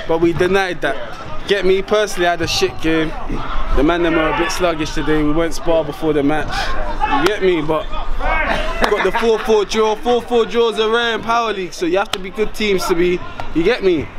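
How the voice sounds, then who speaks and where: Male amateur footballer, higher voice, London roadman slang, casual post-match chat over a loud outdoor crowd. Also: brisk. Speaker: amateur five-a-side footballer. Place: outdoor five-a-side football pitch. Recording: noisy outdoor pitch, crowd around.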